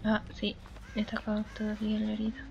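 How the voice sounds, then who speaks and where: Over audible game ambience and noise, a woman murmurs to herself while commentating casually on a horror game for her gaming channel, dropping in English interjections. Her mid-range voice is completely flat and fairly quick, and the audio sounds dull.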